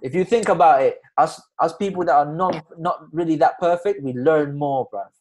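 A young man speaks in a London roadman accent with a fairly high voice. He is casual but emphatic, capping his phrases with slangy terms of address as he argues with friends. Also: moderate pace, darkish tone. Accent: London, urban roadman slang. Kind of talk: casual group discussion.

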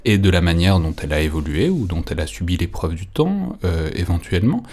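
Man, podcast host, very deep voice, hesitant interviewer, lots of fillers. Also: big pitch swings, a little fast, darkish tone, husky. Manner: hesitant, with many fillers and restarts. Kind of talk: conversational interview.

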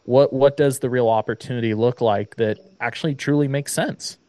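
A man hosts a casual interview in an average-pitched voice. He rambles through anecdotes and restates his point several ways. The sound is dry, without room echo. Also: fairly even intonation, normal speed, warm tone. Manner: long-winded, anecdotal, circling back to rephrase.

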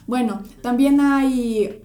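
A young woman hosts a casual podcast. She explains each topic and asks the group what they think. Her voice is fairly high and mellow, and the room around her sounds echoey. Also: slow. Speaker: podcast host. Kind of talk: casual chat.

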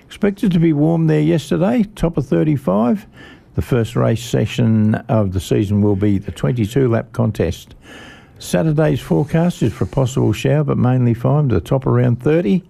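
Gravelly Australian man hosting radio motorsport. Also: medium pitch, lively intonation, normal speed, mellow. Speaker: radio host of a motorsport show. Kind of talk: reading scripted motorsport news on radio. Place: radio studio.

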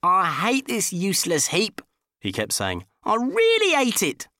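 A man reading an audiobook and voicing a cheeky, stubborn young flatmate who turns sulky or indignant. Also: high voice, measured pace, no echo, studio quality, pitched above the performer's own voice, full character voice.

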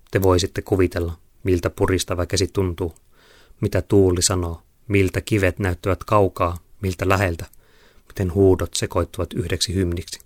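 A man with a very low voice narrates a story in a solemn, theatrical way, turning often to address his listeners. The sound is dry and close. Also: no room sound.

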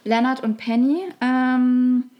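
Enthusiastic young woman, higher voice. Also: little pitch movement, dull audio. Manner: enthusiastic, quick agreeing interjections. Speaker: podcast co-host. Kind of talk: casual chat about a TV series.

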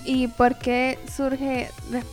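A woman hosting a radio program, asking direct questions briskly. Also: high-pitched, monotone, darkish tone, faint music behind. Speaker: radio host. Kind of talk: interview questions.

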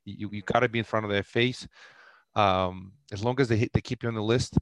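Low gravelly man with a Russian accent. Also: fairly even intonation, dry recording. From former Soviet Union. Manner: halting, many restarts and fillers. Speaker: real estate investor guest. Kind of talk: podcast interview.

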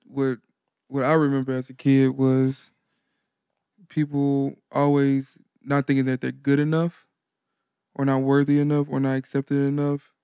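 A man's voice: medium pitch, a little mellow, clean tone, no echo, clean studio sound. A man co-hosting a podcast, speaking casually and hesitantly, often restarting with "I mean". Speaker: podcast co-host.

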